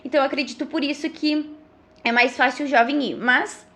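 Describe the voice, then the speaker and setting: The speaker is a Brazilian woman of thirty whose voice is distinctly high, a little bright, and fairly even in intonation. Earnest and casual, she explains things on a podcast, pausing at times and ending phrases with tags that ask for agreement.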